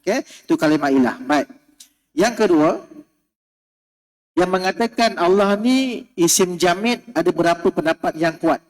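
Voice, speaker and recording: A man's voice: sits high, lively intonation, measured pace, pauses often. A man with a Malaysian Malay accent giving a religious lecture, explaining step by step, repeating key words and checking in with his listeners. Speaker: religious teacher. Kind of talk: mosque lecture. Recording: long hall reverb.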